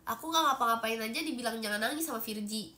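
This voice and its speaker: A young Indonesian woman livestreams from her phone as an idol, chatty and animated despite being stuffy from a cold, filling her talk with fillers as she thanks viewers for gifts. Her voice is a little high, and she speaks at a quick pace.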